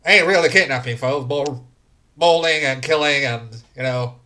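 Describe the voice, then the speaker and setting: A man's voice: medium pitch, normal speed, sharp tone, lightly acted. A man voicing a folksy, flustered frontier townswoman in a tabletop role-play. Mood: folksy, candid. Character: folksy, easily baffled townswoman shopkeeper Hannah in a frontier settlement.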